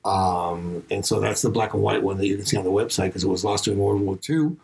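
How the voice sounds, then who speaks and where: Animated man telling a story. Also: fairly low pitch, brisk, creaky, slight background noise. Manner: animated storyteller, acts out quotes. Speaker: musician and video director. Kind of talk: casual chat.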